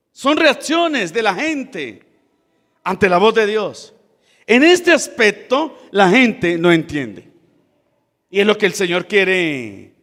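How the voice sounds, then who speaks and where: A man with a high voice preaches a sermon and explains the scripture in plain terms, speaking to his listeners as brothers. His words ring out with a long reverb, as in a church hall. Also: a bit bright.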